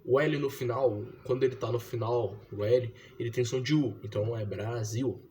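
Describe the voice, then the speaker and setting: A man's voice: medium pitch, fairly even intonation, normal speed, dark tone, a little hiss or hum. A young man from Brazil, talking casually and explaining step by step, with slangy fillers. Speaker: vlogger teaching his younger sister to read. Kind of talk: casual slangy monologue to camera.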